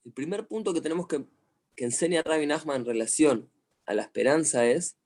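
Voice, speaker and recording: Argentine man, middle-aged, psychologist lecturing on a video call, lively storytelling, questions to the class. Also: fairly high pitch, brisk. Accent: Argentine Spanish. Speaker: psychologist teaching an online class.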